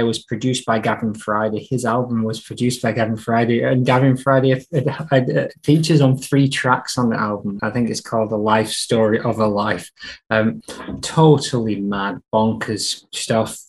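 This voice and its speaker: A man hosting a casual music podcast, talking enthusiastically and rambling about records. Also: mid-range voice. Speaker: podcast host.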